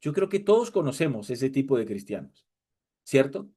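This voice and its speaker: A man's voice: medium pitch, big pitch swings, normal speed, dark tone, husky. A man preaching a sermon, impassioned and mocking as he mimics worshippers.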